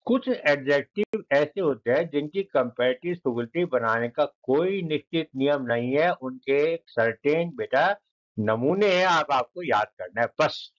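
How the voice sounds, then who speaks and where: A man teaches a grammar lesson, repeatedly calling his students "beta" and slowly repeating and spelling out each word. His voice is on the high side and animated, and the highs are cut off.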